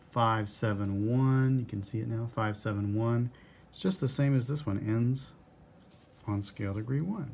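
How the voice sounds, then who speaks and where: A man's voice: lowish voice, vocal fry, a little hiss or hum. A man teaching music theory in a recorded lesson, patiently walking through a score step by step and counting the bars aloud.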